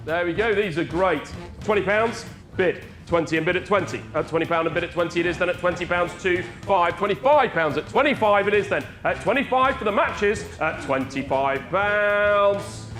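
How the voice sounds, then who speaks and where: A man auctioneering, his voice pitched high for a male. He repeats figures in a rhythmic, rolling bid patter, with music clearly playing behind him. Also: animated, normal speed, a bit bright. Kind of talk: fine art auctioneer calling rapid repeated bids. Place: auction room. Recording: background music under the voice.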